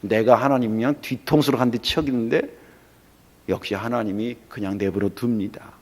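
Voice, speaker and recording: A middle-aged male pastor preaching a sermon in a lively, storytelling way, acting out the voices in the story. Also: mid-range voice, moderate pace.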